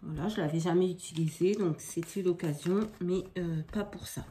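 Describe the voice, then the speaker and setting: A woman's voice: fairly low pitch, normal speed, dark tone, slight background noise. A woman chatting casually as she demonstrates scrapbooking at her craft table at home, improvising and often hesitating. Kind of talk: casual craft tutorial chat.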